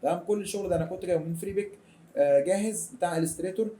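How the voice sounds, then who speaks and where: A young man with an Egyptian accent gives a chatty, colloquial software tutorial over a screen recording. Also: high-pitched, racing. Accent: Egyptian Arabic. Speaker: design tutor.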